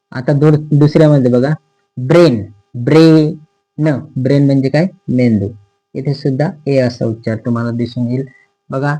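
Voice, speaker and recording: A man with a Marathi accent teaching an English pronunciation lesson, slowly and deliberately, repeating words syllable by syllable. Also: medium pitch, dark tone, breathy edge, rough recording.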